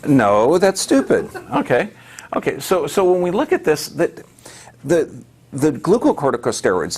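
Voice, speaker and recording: A man's voice: on the high side, breathy edge. A man giving an emphatic health lecture to a live audience, firing off rhetorical questions and answering them himself.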